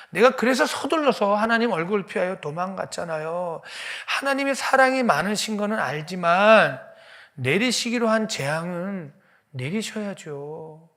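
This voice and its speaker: A man preaching a sermon, voicing the prophet Jonah as he protests loudly to God. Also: full character voice. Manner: high-pitched, loud, pleading protest.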